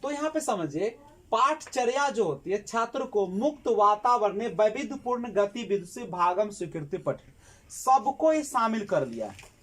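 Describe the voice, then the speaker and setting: A woman's voice: mid-range voice, very animated, moderate pace. A woman teacher giving an exam-prep lesson, asking the class questions and answering them herself, repeating key words.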